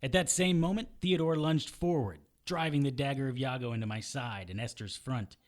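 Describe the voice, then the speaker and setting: A man voices a tough, wry immortal fighter narrating his own battles in first person for a noir audio drama, sounding grim, intense, sardonic, and gritty. His medium-pitched voice moves at normal speed and sounds natural.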